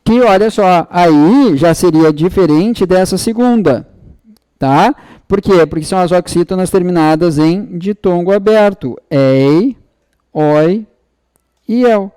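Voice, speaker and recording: A man's voice: high voice, unhurried, mellow, clear, resonant tone, no room sound, clean studio sound. A man teaching an online exam-prep lesson. He explains step by step, checks in often with tag questions and acts out students' questions.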